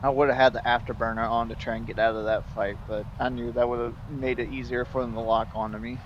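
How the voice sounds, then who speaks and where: A man's voice: medium pitch, level tone, a little fast, muffled recording. Joking gamer guy, faint noise behind. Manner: easygoing, joking, complains about the game. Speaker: gamer on stream. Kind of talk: casual gaming voice chat.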